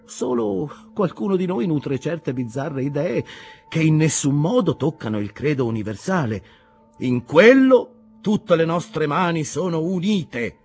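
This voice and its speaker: A man voicing an earnest young sailor with an eager, animated delivery. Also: a little high, a little slow, breathy edge, voice pushed up, heavily acted.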